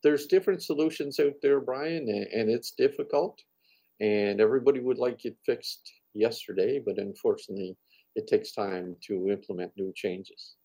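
Casting: man with a Cape Breton accent, raspy and soft-edged, speaking earnestly and steadily as an interviewee. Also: mid-range voice, normal speed, no room sound, low-quality recording. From Cape Breton, Canada. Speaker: veteran paramedic and union manager. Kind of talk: interview answers.

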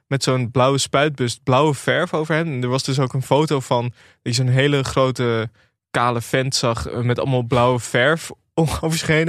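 Podcast co-host, male, relaxed storyteller, dry close mic. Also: mid-range voice, no room sound. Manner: easygoing storyteller, many fillers. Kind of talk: casual chat, retelling a TV episode.

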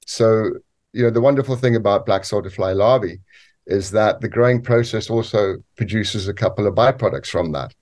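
A man who grew up on a farm in Zambia and lives in the UK, answering interview questions in a measured way with frequent restarts. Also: lowish voice, darkish tone. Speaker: guest, cofounder.

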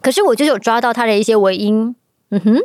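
In a fairly high, slightly mellow voice with no echo, a woman talks fast. She has a Taiwanese Mandarin accent and is a podcast participant discussing BL audio drama dubbing, spinning stories in a teasing, playful manner over background music in a casual chat.

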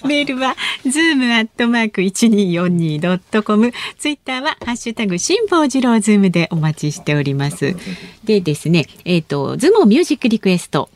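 A woman's voice: mid-range voice, big pitch swings, brisk. A woman co-hosting a radio show, reading listener mail and notices, giggly in the banter. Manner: bright, giggly, reads notices smoothly. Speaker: radio announcer and co-host.

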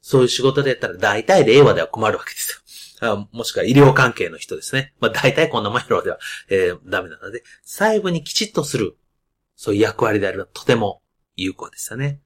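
A man hosting a podcast with a loud, carrying voice, explaining ideas in a casual monologue full of asides and fillers. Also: lowish voice, expressive, fast talker. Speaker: podcast host.

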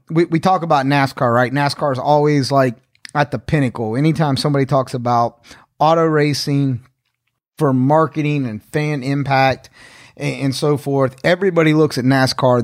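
A man's voice: mid-range voice, dry recording, clean studio sound. A man co-hosting a podcast in casual chat, working through his points step by step and readily agreeing. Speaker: podcast co-host.

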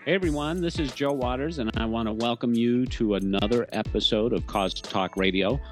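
A man's voice: mid-range voice, brisk, music in the background. A man with a Boston accent hosting a podcast, chatting casually and bantering with his guests. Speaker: podcast host. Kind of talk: casual interview chat.

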